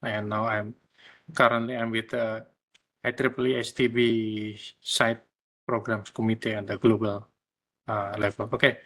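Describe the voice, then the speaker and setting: Giving a hesitant online presentation, a non-English-speaking man from Indonesia restarts frequently and fills his pauses. His voice is on the low side, level, and a bit bright, at a normal speed.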